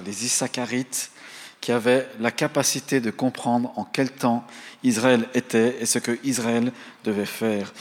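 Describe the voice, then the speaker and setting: A man preaching a sermon, reading out verse references and calling on the congregation to pray aloud. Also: medium pitch. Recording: long hall reverb.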